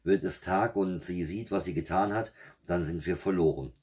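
A man's voice: deep voice, normal speed, darkish tone, husky. A man doing a frightened young fairy-tale girl. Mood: urgent.

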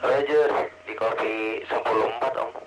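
An amateur radio operator talks in clipped call-sign codes, closing each turn with "over." His voice is lowish with fairly even intonation and a moderate pace. The two-way transmission is hissy and sometimes sounds distant.

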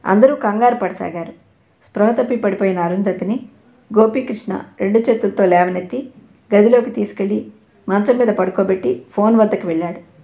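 A woman narrates an audio novel with steady, dramatic storytelling. Her voice is of middle pitch and rings in a roomy, echoing space.

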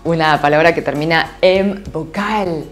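A woman teaching a lively online Korean lesson, laughing often and checking in with her students. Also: sits low, unhurried, faint music behind. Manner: animated, laughs often, asks "¿sí?" constantly.

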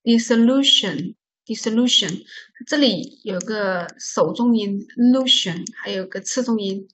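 A woman's voice: mid-range voice, a little slow, slightly rough. A woman teaching an English vocabulary lesson, patiently explaining stress and silent letters and repeating each word to drill pronunciation.

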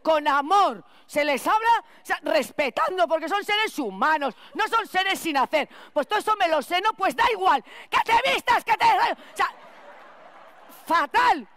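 A woman playing a scatterbrained, chatty school cleaner in a clown stage monologue, rambling with restarts and loud outbursts. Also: very high voice, lively intonation, unhurried, no room sound, full character voice. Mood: exasperated rambling. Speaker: clown performer.

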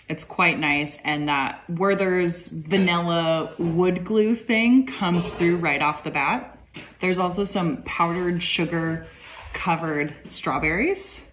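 A woman's voice: lowish voice, fairly bright tone, slight background noise, rough recording. A woman casually reviewing and tasting rums, chatty and full of "like" fillers. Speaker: rum reviewer. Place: indoor room at home.

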